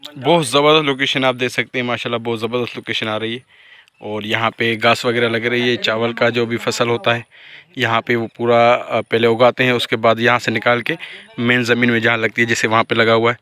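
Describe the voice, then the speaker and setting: Here the Pakistani vlogger, a man in his thirties, speaks at medium pitch in a level, bright, forceful tone and a brisk pace. He strolls outdoors among village fields with his phone at arm's length in selfie framing, narrating casually, pointing things out, and teasing his friends.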